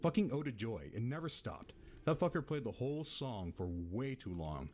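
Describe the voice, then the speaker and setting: Man playing foul-mouthed laid-back American guy, rambling slangy storytelling, animated pitch, casual drama acting, background noise. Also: moderate pace, natural voice. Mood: intrigued.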